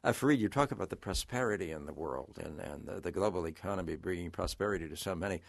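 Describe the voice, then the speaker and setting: A man hosting a radio call-in show, asking questions in a halting conversational way with stammering restarts. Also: deep voice, vocal fry, dry recording. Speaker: radio host.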